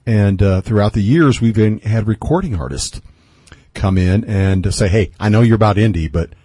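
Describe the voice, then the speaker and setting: Midwestern male radio host, low voice, dry close mic, rambly with lots of uhs. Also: normal speed, mellow, husky, no echo. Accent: Midwestern American. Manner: rambling, many fillers and restarts. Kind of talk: radio interview.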